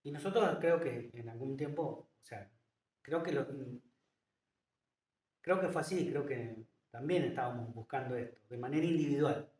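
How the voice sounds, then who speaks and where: Speaking at normal speed in a mid-range, slightly mellow voice, a man appears as a guest in a relaxed interview. His speech is halting, packed with fillers and false starts. The recording has an echoey room sound and a far-off mic.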